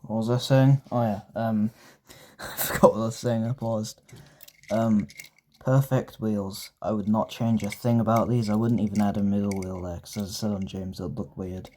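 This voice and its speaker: A man's voice: fairly low pitch, flat delivery, normal speed, dark tone, a little hiss or hum. A young man, casually reviewing toy trains, rambling and gushing with lots of fillers and restarts. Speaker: toy collector reviewing die-cast trains.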